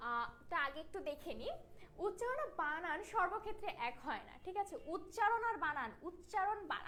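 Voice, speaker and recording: High-voiced woman Bangla teacher from Bangladesh. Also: a bit bright, a little hiss or hum. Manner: explanatory, checks in with tag questions. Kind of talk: online class lecture.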